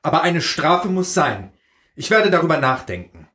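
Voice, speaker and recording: A man voicing a gruff father who shouts at his children in a German Christmas story. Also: on the high side, very animated, moderate pace, echoey room. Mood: stern. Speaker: parish member voicing a story character.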